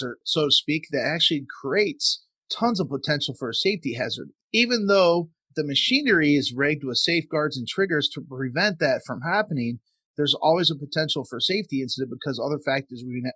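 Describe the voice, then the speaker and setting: Husky guy on a safety podcast, chatty storyteller, dry close sound. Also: a little high, no echo. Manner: storytelling, animated when quoting. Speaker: podcast co-host. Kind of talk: casual safety podcast chat.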